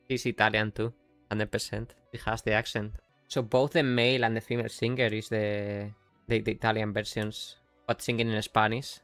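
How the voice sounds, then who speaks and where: A man's voice: on the low side, no room sound. A man with a Yorkshire accent, chatting casually while streaming a game, rambling and breaking off mid-sentence. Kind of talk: casual live-stream commentary.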